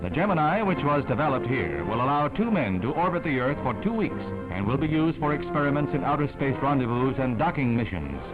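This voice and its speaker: A man narrating an old newsreel in a brisk announcer delivery. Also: mid-range voice, big pitch swings. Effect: old newsreel sound. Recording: tinny narrow-band newsreel audio with loud music.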